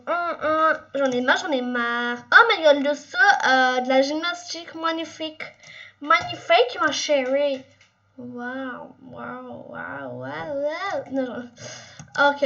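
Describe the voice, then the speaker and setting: A young woman with a high voice, talking excitedly over her gameplay as she plays. She chatters nonstop and breaks into sudden squeals. The home recording sounds a little dull, with keyboard clicks behind her. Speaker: gaming YouTuber. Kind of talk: casual gameplay commentary.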